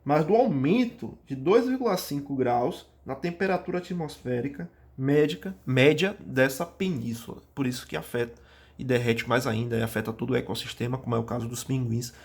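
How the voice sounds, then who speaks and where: A man's voice: mid-range voice, vocal fry, a little mellow. A man with a Brazilian Portuguese accent, teaching a recorded geography review class. He reads each question aloud and then answers it, calling out to his students and stumbling into small restarts. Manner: frequent fillers and restarts.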